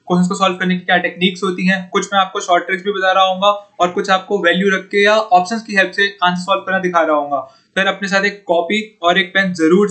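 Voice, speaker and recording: Upbeat young tutor, bright high voice. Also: male voice. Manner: chatty, upbeat, calls viewers "bhaiya" and "yaar". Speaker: online exam-prep tutor. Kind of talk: informal Hindi lesson solving puzzles.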